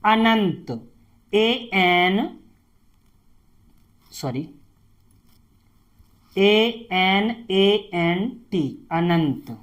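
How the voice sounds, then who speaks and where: A woman teacher, spelling out names letter by letter in a slow, deliberate lesson. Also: medium pitch.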